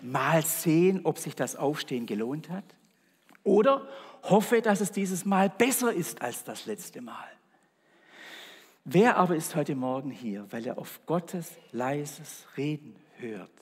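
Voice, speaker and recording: A man preaching a sermon, moving between raised calls and hushed whispers. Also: fairly high pitch, breathy edge. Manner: dramatic, shifts between loud calls and soft whispers. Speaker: pastor. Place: church. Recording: long church reverb.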